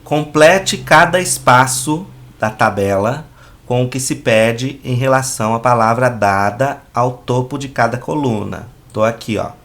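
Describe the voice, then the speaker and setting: A man's voice: mid-range voice, measured pace, a bit bright. A man with a Brazilian Portuguese accent, a teacher patiently walking students through a worksheet and checking in often. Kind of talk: explaining a school worksheet.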